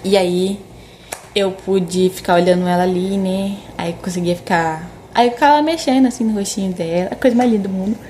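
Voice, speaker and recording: A woman's voice: medium pitch, a little fast, a little hiss or hum. Chatty woman telling a story. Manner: animated, acts out quoted dialogue, frequent tag questions. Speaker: vlogger. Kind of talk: casual storytelling to camera.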